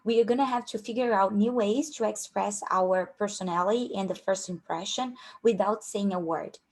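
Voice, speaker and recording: Her mid-range voice a little dark in tone, a young Brazilian career coach talks informally at a normal speed during a workshop. Portuguese is her first language, her accent is Brazilian Portuguese, and her speech is loaded with fillers and restarts.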